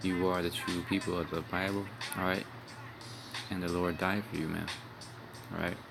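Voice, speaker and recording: At a moderate pace, a young street preacher with a low, flat voice and vocal fry rambles through an informal video sermon. He swears bluntly and finishes lines with "man" and "all right," music playing behind him.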